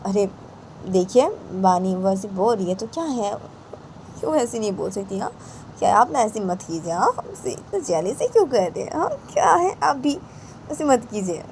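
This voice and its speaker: A woman's voice: mid-range voice, very animated, normal speed, a little mellow, slight background noise, pitched above the performer's own voice, rough recording. A woman voicing a jovial middle-aged uncle who teases and needles a relative. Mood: teasing. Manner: teasing, needling.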